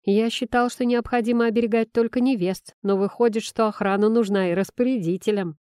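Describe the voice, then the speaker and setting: Woman doing a composed prince, measured, wry, mellow tone, audiobook. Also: fairly high pitch, steady tone, clear, resonant tone, no echo, clean studio sound, lightly acted. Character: composed young male prince, dry and wry.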